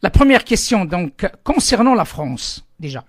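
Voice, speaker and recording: A man's voice: high voice, big pitch swings, unhurried, no echo. Male radio host posing long, winding questions in a dead-dry studio. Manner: rambling, repeats himself while framing questions. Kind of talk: radio interview.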